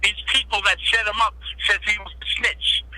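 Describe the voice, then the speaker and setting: A man's voice: high-pitched, fairly even intonation, brisk, sharp tone, poor audio. A man telling blunt, streetwise stories as a guest in an interview, swearing freely. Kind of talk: storytelling in an interview.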